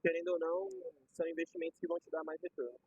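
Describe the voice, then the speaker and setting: A man's voice: a little high, flat delivery, rapid-fire, darkish tone, breathy edge, dry recording. A young man with a Brazilian Portuguese accent, chatting casually and explaining ideas with everyday examples and slang. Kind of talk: casual conversation. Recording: dull lo-fi recording.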